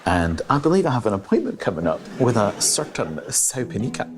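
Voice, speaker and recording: An eccentric, friendly careers advisor from the Scottish Highlands acted out by a man for a TV prank. The thick Highland accent is delivered emphatically, with pitch that swoops dramatically. Music plays behind the voice. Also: big pitch swings, a little fast. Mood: cheery, eccentric. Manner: exaggerated, emphatic, swooping greetings. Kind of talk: improvised comic character chat.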